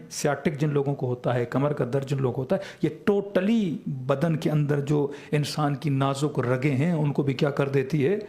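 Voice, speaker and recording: A man's voice: fairly high pitch, darkish tone. A man with a Pakistani Urdu accent giving a religious lecture as a cleric, who often asks a question and then answers it himself. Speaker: Shia cleric.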